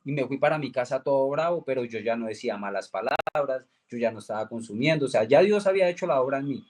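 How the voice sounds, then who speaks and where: Young guy sharing his church testimony, earnest, does the voices when quoting people, mid pitch. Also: lively intonation, fast talker, darkish tone. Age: young adult. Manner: earnest storytelling, acts out quoted dialogue with raised pitch. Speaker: guest giving a religious testimony. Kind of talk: personal faith testimony.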